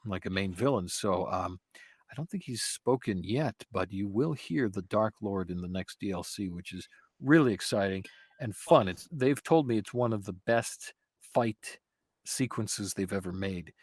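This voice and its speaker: Man, low voice, dry close sound, casual podcast chat, animated storyteller. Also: normal speed, no room sound. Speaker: guest voice actor.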